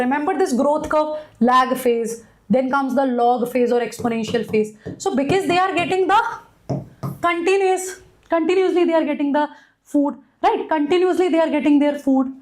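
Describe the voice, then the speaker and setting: Casting: female online lecturer, North Indian accent, fairly high voice, repetitive explanatory delivery with Hindi asides. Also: a little mellow. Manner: repeats phrases for emphasis, mixes in Hindi asides. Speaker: biology teacher giving an online class. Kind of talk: lecture with checking questions to students.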